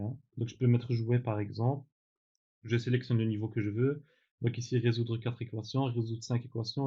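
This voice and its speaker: A man teaching in a relaxed tutorial, demonstrating software step by step with frequent fillers and self-corrections. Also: mid-range voice, muffled recording. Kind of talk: screen-recorded tutorial.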